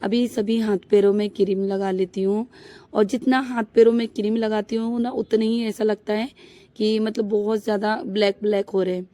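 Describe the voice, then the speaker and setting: A young housewife rambles through a casual vlog outdoors on her rooftop, her voice hoarse and thick from a cold. She talks in a flat, even tone with a dark, mellow timbre. Her chat wanders along, padded with fillers. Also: mid-range voice, normal speed, no room sound. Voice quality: thick, husky voice. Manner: chatty, rambling, many fillers. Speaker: vlogger; housewife and mother.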